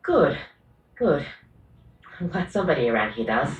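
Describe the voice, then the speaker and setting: A woman's voice: deep voice, sing-song, normal speed, roomy sound, distant mic, lo-fi sound, a little hiss or hum. A woman voicing a rambling, coffee-obsessed female coffee machine barista in a video game, often apologizing and correcting herself.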